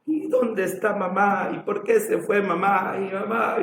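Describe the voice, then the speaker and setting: A man's voice: sits high, fairly even intonation, unhurried, fairly bright tone, echoey room, a little hiss or hum. A man voicing a small young girl who pleads and asks plaintively for her mother.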